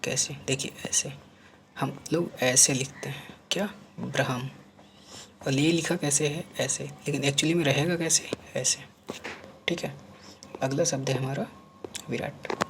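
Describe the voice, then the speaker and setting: A man's voice: medium pitch, fairly even intonation, unhurried, vocal fry, pauses often, a bit bright, slight background noise. A man teaching a spelling lesson for an exam, saying each word over and over and asking and answering his own questions, sometimes dropping to a murmur while he writes. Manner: repeats each word several times, asks and answers himself; drops to murmurs while writing on screen.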